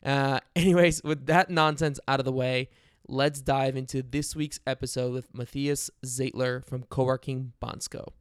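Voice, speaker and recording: A man's voice: mid-range voice, fairly even intonation, normal speed, clear, resonant tone. A man hosting a podcast interview, upbeat and chatty with some fillers. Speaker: podcast host. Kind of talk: casual interview.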